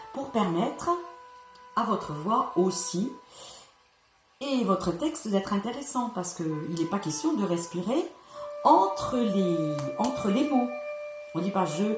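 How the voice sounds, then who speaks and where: Slow, patient woman vocal coach. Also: medium pitch, big pitch swings. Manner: patient, instructive, addresses viewers directly. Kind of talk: singing lesson to camera. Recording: echoey room with music behind.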